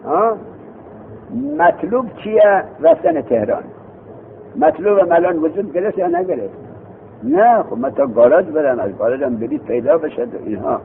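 Gravelly man teaching, tinny lo-fi sound. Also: fairly high pitch, sing-song, slight background noise. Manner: questions students and repeats their answers. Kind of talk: seminary grammar lesson. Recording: tinny phone-like lo-fi recording.

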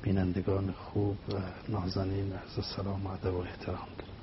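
A man as a religious guest speaker, explaining poetry through a story in animated, rhythmic phrases. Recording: slightly dull with faint rumble.

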